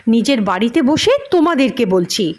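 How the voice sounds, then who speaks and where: A woman's voice: fairly high pitch, big pitch swings, a little mellow. A woman voicing an irritated young man in a told story, complaining bluntly. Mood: exasperated. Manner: brisk, complaining.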